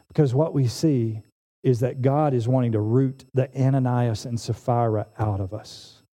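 A man in his forties preaching a sermon, animated and emphatic, often restarting his phrases. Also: mid-range voice, moderate pace. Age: 40s. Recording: long hall reverb.

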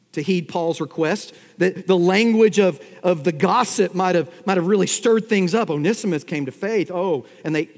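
A man's voice: fairly high pitch, darkish tone. A man preaching an expository sermon, teaching verse by verse and firing rhetorical questions at his congregation. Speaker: pastor. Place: church sanctuary. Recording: long hall reverb.

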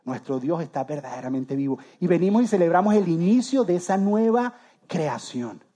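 A man's voice: fairly high pitch, animated, moderate pace, mellow. A man preaching a sermon as pastor, talking conversationally and straight to his listeners, often restarting and repeating words. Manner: conversational, addresses listeners directly.

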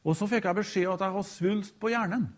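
A man preaching a sermon, retelling a story in a halting way with frequent hesitations and repeated quote tags. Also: sits high, steady tone. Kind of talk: sermon with a retold deathbed story.

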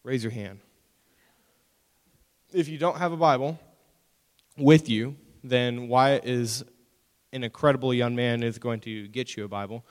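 A man's voice: medium pitch, measured pace, long pauses, in a large hall. A young man, a youth pastor, chatting with students about chores and then preaching, telling stories with whiny acted-out quotes. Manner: animated storytelling with mock-whiny quoted voices. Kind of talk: youth group sermon.

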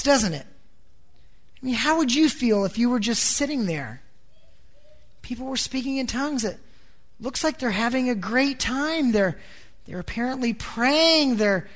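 Emphatic woman preacher, high voice. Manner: emphatic, with rhetorical questions to the congregation; repeats words when building a point. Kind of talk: sermon.

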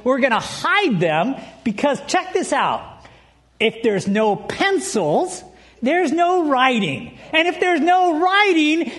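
Guy preacher with a really high voice, super animated, cracking up telling stories to the church. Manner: animated storyteller, laughing often; addresses the congregation directly. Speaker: pastor. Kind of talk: sermon opening with a humorous personal story.

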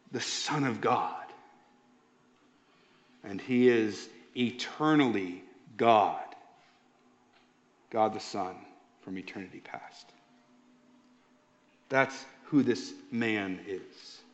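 A pastor preaching a sermon in an emphatic, slow and deliberate way. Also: male voice, medium pitch. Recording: dull lo-fi sound.

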